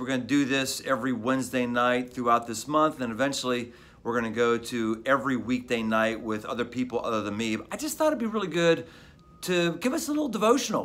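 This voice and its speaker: A man's voice: mid-range voice, fairly bright tone. A middle-aged man, a pastor, giving an evening devotional talk from his office in a conversational way, repeating phrases for emphasis.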